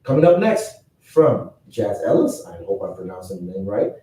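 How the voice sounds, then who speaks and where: A man hosting a radio interview, asking gentle questions and offering brief encouraging replies. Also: sing-song, moderate pace, recorded from a distance. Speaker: radio host. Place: radio studio. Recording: echoey studio, off-mic, faint rumble.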